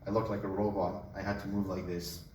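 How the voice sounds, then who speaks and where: A young man from Colombia tells his story as a casual testimony, relaxed and joking. His voice sits a little low and comes from some distance from the mic. The room around him rings with heavy echo, and a faint hum runs underneath. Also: fairly quick. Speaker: speaker giving a testimony. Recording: echoey room, voice away from mic.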